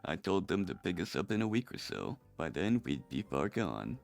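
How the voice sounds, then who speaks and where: A booming metallic robot man. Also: sing-song, moderate pace, vocal fry, darkish tone, soft background music, full character voice. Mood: deadpan. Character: deep gravelly male robot adventurer. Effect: robot voice filter. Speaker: player character in a streamed tabletop game.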